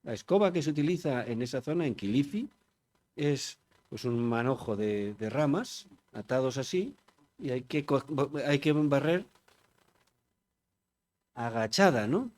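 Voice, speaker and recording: A man's voice: medium pitch, expressive, measured pace, pauses often, a little mellow. Older Spanish man, chatty and digressive. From Spain. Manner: chatty and digressive, asking the audience rhetorical questions. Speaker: conference speaker. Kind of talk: informal public talk.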